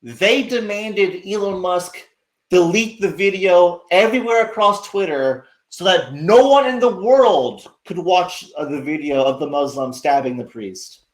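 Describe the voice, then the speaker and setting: A slightly high-voiced man rants sarcastically on a livestream, cursing as he goes. He rambles, restarts his sentences and talks straight to his viewers. His voice rings around a roomy, echoing space. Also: expressive, measured pace. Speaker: livestream host. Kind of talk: casual livestream rant.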